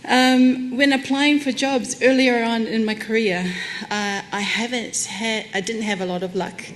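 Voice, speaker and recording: At a conference podium, a woman from New Zealand with Samoan heritage gives a candid, self-deprecating keynote into the lectern microphone, warm and punctuated by light laughs. Her fairly high voice stays steady and unhurried, with slight background noise.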